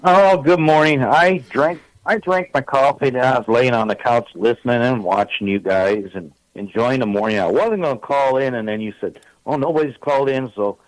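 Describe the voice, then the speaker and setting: A man's voice: medium pitch, normal speed, hardly any pauses, no room sound, rough recording. A man in his sixties calling in to a radio show, telling long, rambling stories full of fillers. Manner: rambling, chatty storytelling with many fillers. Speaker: caller. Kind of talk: casual call-in chat.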